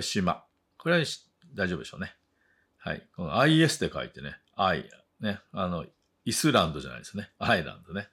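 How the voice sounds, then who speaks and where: Male English teacher, low and slightly husky, drawn-out model words, quick friendly asides. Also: a bit bright. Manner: repeats each word twice for learners. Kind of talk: vocabulary pronunciation lesson.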